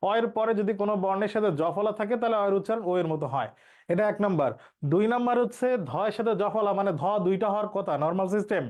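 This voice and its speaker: High-voiced male teacher. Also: fast talker, a little mellow. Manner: explains step by step, repeats key rules. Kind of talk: online exam-prep lesson.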